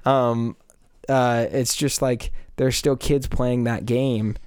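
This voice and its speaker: A man's voice: mid-range voice, level tone, slow pace, a little mellow, clear, resonant tone, no room sound, studio quality. A young man co-hosting a podcast, talking casually with many fillers as he argues a point. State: voice still recovering from losing it. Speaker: podcast co-host. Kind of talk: casual discussion.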